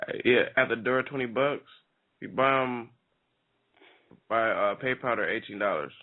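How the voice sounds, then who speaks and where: A brash male co-host on casual wrestling talk radio trades teasing banter and swears freely. His mid-range voice moves at a moderate pace, and the audio is lo-fi and tinny, like a phone.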